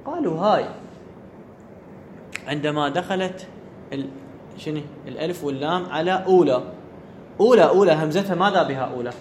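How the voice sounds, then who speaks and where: A man's voice: a little high, a little fast, pauses often, a little mellow, slight background noise. A man giving a classroom grammar lecture, often checking whether his students follow and repeating the key words. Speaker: teacher of Arabic grammar.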